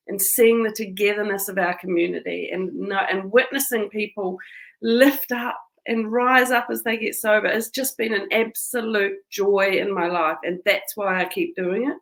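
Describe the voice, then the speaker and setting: A New woman talking heartfelt and earnest to her community, her voice carrying a gravelly, creaky texture. She sits at a middle pitch and speaks as a site's community manager, plainly moved. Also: a bit bright, rough recording. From New Zealand. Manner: emotional, earnest, tearful at times. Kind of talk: heartfelt personal address to camera.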